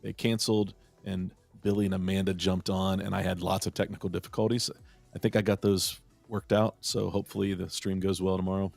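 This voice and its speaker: A man's voice: deep voice, level tone, brisk, vocal fry, darkish tone, no room sound, soft background music. A man chatting casually as a guest on a livestream, easygoing in manner. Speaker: guest streamer.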